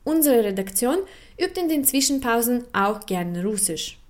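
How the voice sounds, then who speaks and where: A woman giving scripted educational narration, explaining things in a clear, measured way with carefully spoken example words. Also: fairly high pitch, lively intonation. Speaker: narrator of a language feature.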